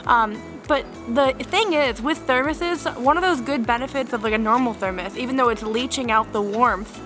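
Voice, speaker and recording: A woman's voice: a little high, normal speed, music in the background. A young woman vlogging on a winter hike in the woods, talking chattily to a handheld camera with lots of fillers. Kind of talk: casual vlog talk to camera.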